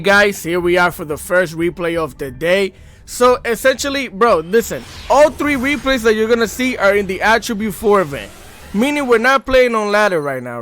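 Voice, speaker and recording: A young man giving casual, excitable gameplay commentary as a YouTuber, full of slang and talking straight to his viewers. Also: high-pitched. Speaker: gaming YouTuber.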